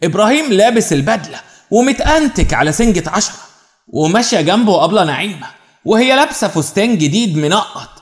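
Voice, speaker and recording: A man with an Egyptian accent narrating a first-person dramatic story in an expressive, animated way. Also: high-pitched, quick pace. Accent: Egyptian Arabic.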